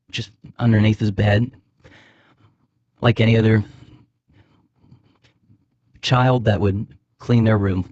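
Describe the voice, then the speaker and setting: A man's voice: on the low side, darkish tone, no echo, muffled recording. A man playing a tabletop game, describing his character's actions with some hesitation. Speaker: player.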